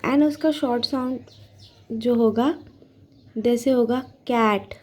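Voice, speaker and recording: A woman giving a patient, casual phonics lesson for parents, sounding out words slowly. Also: on the high side, darkish tone. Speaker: phonics teacher. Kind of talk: casual home teaching lesson.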